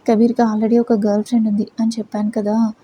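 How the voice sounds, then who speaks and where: A woman voicing a gentle, shy young wife who speaks softly and soothingly. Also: on the high side, little pitch movement, a little fast, a little hiss or hum, natural voice. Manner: soft, soothing.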